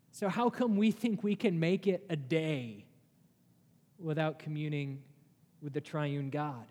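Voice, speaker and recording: A man's voice: sits high, darkish tone. A male pastor preaching a sermon, earnest, with rhetorical questions and emphatic rises in his delivery. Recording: long hall reverb.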